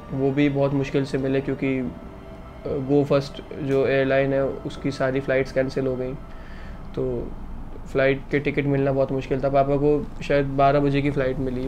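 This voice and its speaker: A young man, a vlogger, quietly recounting a personal loss in a halting, somber way. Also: mid-range voice. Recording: slightly dull recording with faint background noise.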